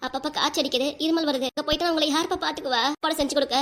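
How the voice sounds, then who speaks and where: A devoted but stubborn young cartoon daughter, voiced by a woman, arguing her case with her father. Her voice sits high, and she talks very quickly and insistently in a southern Tamil dialect. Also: fairly even intonation, a bit bright. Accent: Tamil, southern Tamil Nadu dialect. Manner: insistent, emotional, rapid.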